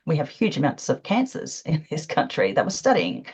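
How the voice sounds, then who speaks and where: A woman's voice: sits low, wildly swooping pitch, moderate pace, a little mellow, breathy edge. A woman speaking earnestly on a video call, with frequent fillers. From Australia. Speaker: panel guest. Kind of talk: conversational commentary on a video call. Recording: dull lo-fi call audio.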